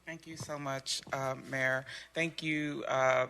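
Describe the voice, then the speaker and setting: A man's voice: mid-range voice, level tone, slow pace, bright, forceful tone, clear, resonant tone. A man on a city council, thanking outgoing board members earnestly, often repeating words as he speaks. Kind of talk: council meeting remarks.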